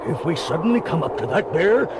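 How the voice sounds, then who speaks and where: An actor playing a kindly, flustered old Santa Claus, hesitant and cautioning, in a children's cartoon audio drama. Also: male voice, fairly high pitch, big pitch swings, a little fast, heavy background noise. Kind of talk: 1970s children's record cartoon acting.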